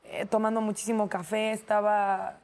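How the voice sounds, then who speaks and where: A woman's voice: medium pitch, little pitch movement, normal speed, a little mellow. A Mexican woman on a talk show panel, talking candidly and casually about her own habits. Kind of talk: casual chat.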